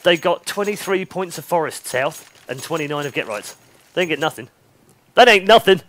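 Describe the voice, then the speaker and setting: Male esports caster, a touch high-pitched, swings all over the place, joking and teasing, excitable banter. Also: normal speed. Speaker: esports commentator. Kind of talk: live esports commentary.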